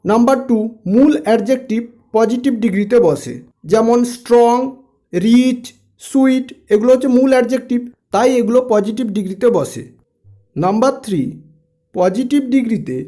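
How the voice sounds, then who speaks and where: A man's voice: very high voice, warm tone. A man teaching English grammar, explaining step by step and spelling words out letter by letter.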